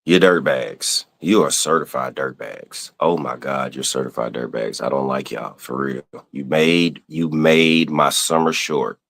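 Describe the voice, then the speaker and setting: A man's voice: a bass voice, steady tone, a little slow, vocal fry, few pauses, a bit bright. A man with a Southern US accent, hosting a podcast, rants casually and swears with playful exasperation. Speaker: podcast host. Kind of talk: casual ranting monologue.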